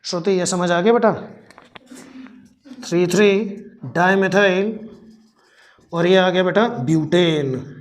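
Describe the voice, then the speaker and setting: A male teacher who teaches a chemistry class, fondly teasing and mock-scolding his students while slowly spelling out formulas step by step. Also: high voice. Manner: affectionate, teasing and scolding, calls students "beta".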